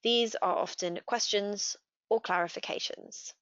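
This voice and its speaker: A woman narrating a scripted software tutorial, walking through each step in a steady, clear way. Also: medium pitch, unhurried, no room sound. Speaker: customer success manager. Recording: dry, slightly dull voice-over.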